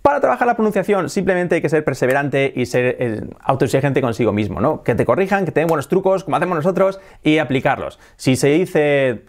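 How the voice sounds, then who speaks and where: Animated Spanish man teaching in a video lesson. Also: fairly high pitch, brisk, few pauses. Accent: Spanish from Spain. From Spain. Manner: animated, jokey, often laughs at own examples; imitates mispronounced and native English for contrast. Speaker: English teacher.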